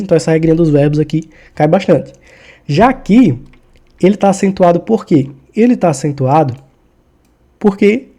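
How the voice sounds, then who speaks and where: A man with a fairly high but very mellow, dark-edged voice walks through grammar rules like a relaxed tutor. He keeps it informal and stops often to make sure the listener is following. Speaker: exam-prep Portuguese teacher. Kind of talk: casual explanatory lesson.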